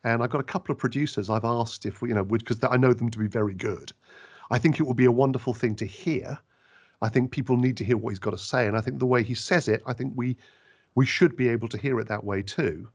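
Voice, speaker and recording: A radio interviewer answers questions in an animated, emphatic way, often restarting his sentences. His voice is husky and medium-pitched, and he talks fast.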